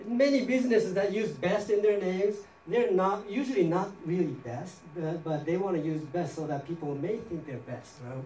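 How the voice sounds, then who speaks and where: A man's voice: sits high, slow pace, few pauses, warm tone. Man preaching in an echoey church. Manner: chatty preaching with frequent tag questions. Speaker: pastor. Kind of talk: conversational sermon. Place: church sanctuary. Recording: roomy hall picked up from a distance.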